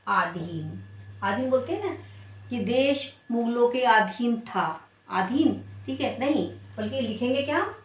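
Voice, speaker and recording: A woman's voice: a little high, normal speed. A woman teaching a spelling lesson, asking her students questions and then answering them herself. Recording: echoey room, voice from far off.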